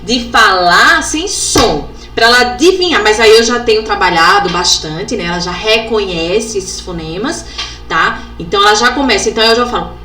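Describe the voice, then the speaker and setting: Bright-voiced woman teaching. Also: medium pitch. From Brazil. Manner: demonstrative, sounds out letters and syllables slowly, frequent tag questions. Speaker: educational psychologist teaching a workshop. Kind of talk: instructional workshop talk. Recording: echoey room with faint background noise.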